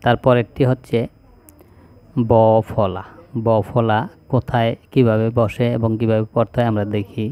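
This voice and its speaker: A male teacher, slowly reciting a spelling lesson item by item in an even drill. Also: on the low side, clear, resonant tone, dull audio. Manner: slow, even, drilling one item after another.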